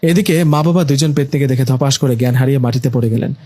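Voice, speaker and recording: A man narrating a first-person story in a lively, exclamatory way. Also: medium pitch, fast talker.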